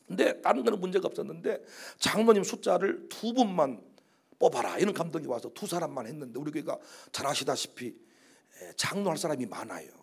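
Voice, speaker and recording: Male pastor, sermon delivery, gravelly voice with wildly lively pitch, dramatic loud-soft contrasts. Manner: swings from loud emphatic declarations to low quiet asides; acts out quoted prayers and texts in slow dramatic voices.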